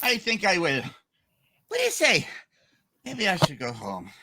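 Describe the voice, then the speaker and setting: A man's voice: sits high, wildly swooping pitch, unhurried, gravelly, sharp tone, husky, full character voice. A man playing a jolly, scatterbrained, tipsy old uncle in a hammed-up play reading, rambling and exclaiming.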